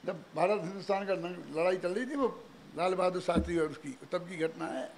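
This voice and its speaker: An older man giving a religious discourse, animated, full of rhetorical questions and chuckling asides. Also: high-pitched, fairly quick, creaky, slight background noise. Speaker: preacher.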